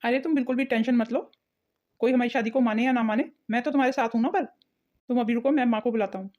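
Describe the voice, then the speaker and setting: A cocky married man from a cartoon soap, dismissive and defiant , voiced by a woman. His voice runs notably high. The recording is muffled and lo-fi. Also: steady tone, fast talker, close to an everyday voice. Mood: soothing. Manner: defiant, contemptuous. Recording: dull lo-fi audio.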